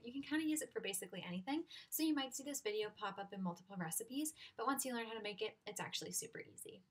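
A young woman giving a casual, upbeat cooking demonstration in a small home kitchen, moving around as she talks. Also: a little high. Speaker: cooking instructor. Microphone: laptop webcam at a distance. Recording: loud cooking noise and clicks.

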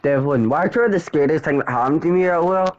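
A young man joining a friend's gaming session, trading crude, animated banter. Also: a little high, brisk, muffled recording. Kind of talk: casual gaming chat.

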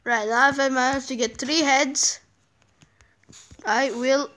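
Young woman, high voice, excitable, casual game commentary, chatty. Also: takes it slowly. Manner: excitable, chatty, frequent exclamations. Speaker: gamer.

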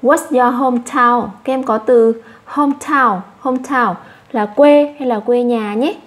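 A woman with a Vietnamese accent teaching English to children, saying each English word slowly twice and explaining it in Vietnamese. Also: on the high side. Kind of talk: slow classroom explanation for children.

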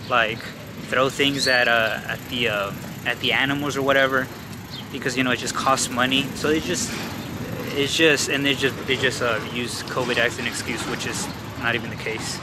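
Here a young man from LA vlogs while biking through the city, one hand on the handlebars and the camera at arm's length, rambling breathlessly with plenty of fillers and false starts. He has a mid-range voice. Street and traffic noise is loud throughout.

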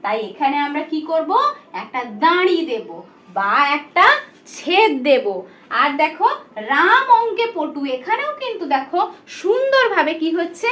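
Lively high-voiced woman teacher. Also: normal speed. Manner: addresses imaginary pupils, asks and answers her own questions; mixes English words into her teaching. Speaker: teacher giving a demo class. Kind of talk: demo classroom lesson.

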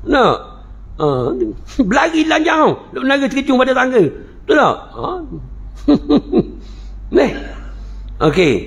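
A man's voice: extremely high pitch, very animated, takes it slowly, vocal fry, long pauses. A man with a Terengganu Malay accent, a religious teacher giving a humorous lecture, joking and telling stories in dialect between points of teaching. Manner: joking, storytelling, playful dialect asides.

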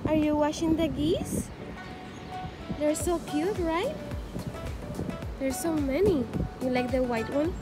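A woman with a high, bright-pitched voice talks casually and unhurriedly into her phone, playful and quick to laugh. Music plays clearly behind her. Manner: chatty and playful, with little laughs. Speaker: vlogger. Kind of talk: casual vlog narration.

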